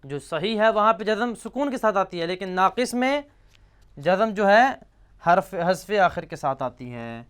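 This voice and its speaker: A man teaching a grammar lesson, slowly reciting verb forms and asking and answering his own questions. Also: high voice, a bit bright, clear, resonant tone. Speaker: teacher of Arabic morphology.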